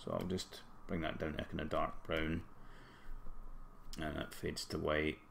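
A low-voiced man with a broad Scottish accent talks through a software tutorial in an informal, think-aloud way. His groggy throat gives the words a creaky rasp. Faint noise and keyboard clicks sit behind him. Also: little pitch movement, measured pace. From Scotland. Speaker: tutorial presenter. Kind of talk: casual screen-recorded software tutorial.

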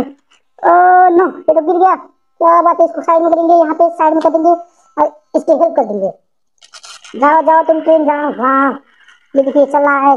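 A woman narrating her toy play for children in a playful, exclaiming, sing-song way. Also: high-pitched. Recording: dull lo-fi sound.

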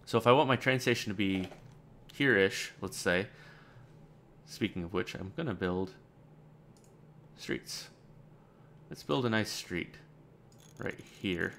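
A man's voice: fairly low pitch, slow pace, pauses often, fairly bright tone, a little hiss or hum. A man playing a game on camera and thinking aloud, casual and rambling, with dry sarcastic asides. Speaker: let's play gamer. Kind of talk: let's play game commentary.

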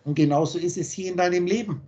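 A man's voice: high-pitched, fast, warm tone. A man with a German accent lecturing over a video call in a blunt, insistent way, driving his points home with everyday examples. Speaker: spiritual teacher.

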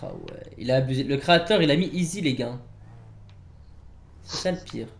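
Animated man gaming, over vehicle noise. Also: medium pitch, normal speed, vocal fry. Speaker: gamer. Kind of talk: casual gameplay commentary with a friend.

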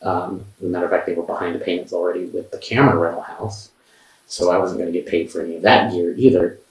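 A man's voice: low voice, fairly even intonation, fast talker. A man, a camera assistant, telling his side of events in a police interview, rambling with many restarts and sounding defensive. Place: interview room. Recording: roomy, from far off the mic.

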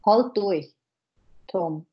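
A woman reading an anxious teenage girl's lines aloud, slowly, from a novel. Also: mid-range voice, muffled recording. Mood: pleading. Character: anxious teenage girl on the run, desperate.

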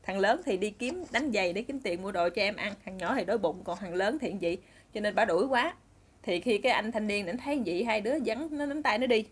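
A woman's voice: medium pitch, lively intonation, fast talker, slightly rough. A woman with a Southern Vietnamese accent telling a story in a chatty way, addressing her listeners directly.

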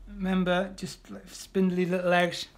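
A man with a high-sitting, monotone voice speaks at a moderate pace. He's an illustrator leading a live draw-along painting class, chatty and encouraging as he paints, with lots of ums and restarts.

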